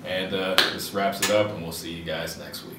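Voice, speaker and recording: A young man wrapping up a show, loudly and animatedly urging people to vote. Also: deep voice, normal speed, recorded from a distance, very noisy. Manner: loud, animated, encouraging. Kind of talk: casual show wrap-up. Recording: echoey room, off-mic.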